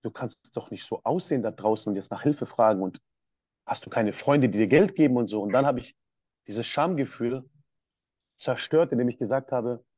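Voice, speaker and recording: A man's voice: medium pitch, normal speed, darkish tone, no room sound, muffled recording. A man from Swabia in Germany, a podcast guest telling his personal story in a passionate, emphatic way.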